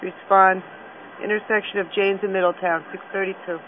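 Tinny radio, high-voiced male fire dispatcher. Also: little pitch movement, brisk. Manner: clipped, procedural, repeats each call. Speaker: emergency dispatcher. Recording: tinny, static-laden two-way radio.

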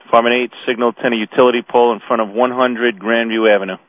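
A man dispatches fire units over two-way radio, speaking formally and procedurally and repeating messages back. He talks fast in a mid-range voice with a steady tone. The radio channel sounds tinny and narrow, with hiss.

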